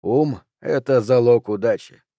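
A man voicing a cool, unflappable card sharp in an audiobook, speaking quietly and measured. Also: mid-range voice, no room sound, studio quality, lightly acted. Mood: cold. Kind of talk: audiobook character reading.

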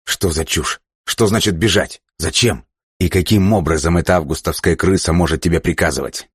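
A man reading an audiobook voices a furious, ruthless male leader who barks orders in a raised, sharp voice. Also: low-pitched, normal speed, slightly rough, no echo, studio quality. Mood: tense.

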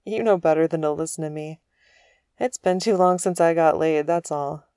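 A woman's voice: low voice, moderate pace, dark tone, smooth, dry recording, studio quality. A woman voicing a moody, self-deprecating male starship captain in a storybook reading, wry and prickly.

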